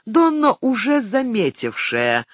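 Lively, expressive audiobook narrator. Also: mid-range voice, slow pace, dry recording. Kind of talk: scripted narration.

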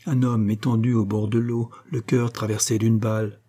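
A man's voice: on the low side, flat delivery, normal speed, dark tone, close to an everyday voice. A man reading as a grim, blunt old sailor. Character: gruff old sea captain, uneasy.

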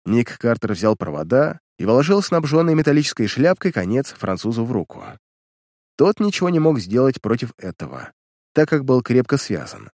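A man's voice: medium pitch, a little mellow, dry recording, studio quality. A man reading a pulp detective story aloud as an audiobook narrator, telling it with animation.

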